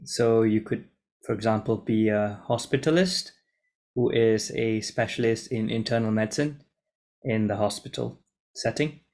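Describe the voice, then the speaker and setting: A man's voice: fairly low pitch, normal speed, darkish tone. A young man in his twenties from Singapore, a junior doctor talking casually to camera from a script, hesitant with many restarts, recorded on a laptop mic in his room. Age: 20s. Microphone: laptop mic on a video call.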